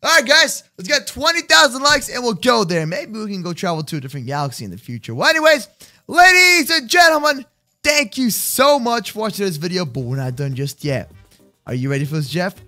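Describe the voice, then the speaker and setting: A young man with a high, lively voice gives goofy gameplay commentary, bouncing between mumbled asides and sudden excited shouts. His tone is bright and sharp. Faint game music plays behind him. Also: a little fast. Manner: goofy, hyped, talks to his sidekick and viewers, sudden shouts. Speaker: gaming YouTuber.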